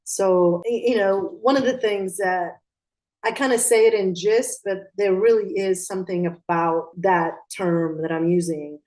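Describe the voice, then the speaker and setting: Her mid-range voice is unhurried and darkish, heard through a rough recording. This woman, from Pakistan but raised in Atlanta, Georgia, speaks reflectively as an interview guest, frequently restarting sentences and using fillers.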